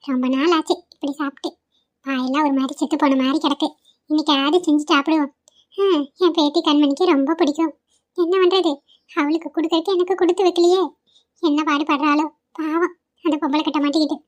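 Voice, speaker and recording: Cartoon dub: fast, high-voiced fussy old grandmother, a woman acting her, sentimental and scolding. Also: fairly even intonation, close to an everyday voice. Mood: grumbling. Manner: lamenting, grumbling monologue.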